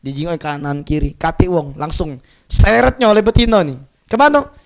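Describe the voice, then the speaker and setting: A man preaching in a Palembang Malay accent, telling a religious story in an animated way and acting out the characters' speech. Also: a little high, moderate pace. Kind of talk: sermon storytelling. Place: mosque gathering.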